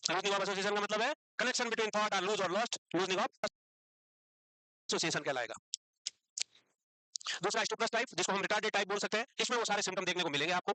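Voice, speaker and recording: A man teaching psychiatry to a class, brisk and scolding, calling his students "beta" and mixing English medical terms into his Hindi. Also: high-pitched, sharp tone, dry recording. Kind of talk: classroom lecture.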